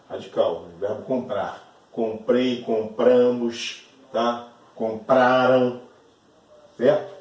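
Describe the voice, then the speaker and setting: Um professor brasileiro dando uma aula de gramática, fala devagar, repete palavras e pergunta "certo?" a todo momento. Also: male voice, on the low side, darkish tone. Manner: slow, repeats words, often checks with "certo?". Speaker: teacher. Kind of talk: classroom lesson explaining grammar. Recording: echoey room, voice from a distance.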